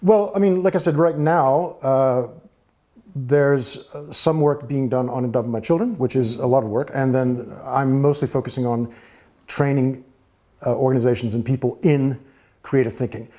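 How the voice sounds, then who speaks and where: A man from the United States with an American accent, a guest in a studio interview, talking in a thoughtful, measured way with frequent fillers. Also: medium pitch, fairly even intonation, mellow. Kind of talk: relaxed interview talk.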